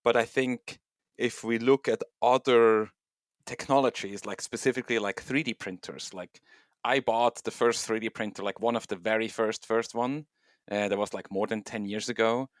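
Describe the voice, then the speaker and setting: A middle-aged man with a lowish voice speaks as a guest. He talks in a loose, thoughtful way, full of ums and restarts. The recording is close and dry. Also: fairly even intonation, normal speed, no room sound. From Switzerland. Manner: thoughtful, loose phrasing with many fillers. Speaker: guest, software engineer and home miner. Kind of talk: casual interview talk.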